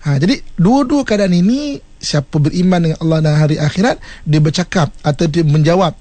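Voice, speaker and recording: A man's voice: on the high side, animated, a little fast, mellow, no room sound. A man with a Malaysian Malay accent giving a religious talk on the radio, explaining points and acting out short examples with changing intonation. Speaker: religious teacher. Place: radio studio.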